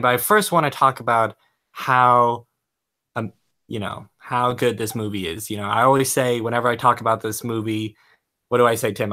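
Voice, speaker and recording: Young man, podcast host, bright voice, casual, joking. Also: medium pitch.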